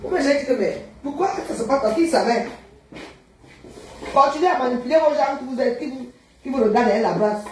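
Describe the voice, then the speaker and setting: A woman's voice: high-pitched, expressive, brisk, long pauses, darkish tone, slight background noise. A woman with a Cameroonian French accent, ranting on a live stream and scolding viewers who comment, in a combative, mocking way. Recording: roomy echo.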